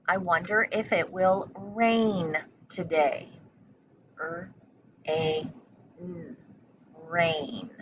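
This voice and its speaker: A woman teacher speaks extremely slowly in a slightly low voice, as in a spelling dictation. She enunciates with care and repeats herself in an instructional, encouraging manner. The recording is somewhat muffled and lo-fi. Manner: deliberate, carefully enunciated, repeating words. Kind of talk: spelling test dictation lesson. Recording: muffled lo-fi sound with faint noise.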